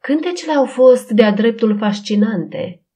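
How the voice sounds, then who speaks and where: A woman narrator voicing a calm, refined young woman who speaks softly and in a measured way, in an audiobook. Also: a little high, natural voice. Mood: thoughtful. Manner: soft-spoken, measured.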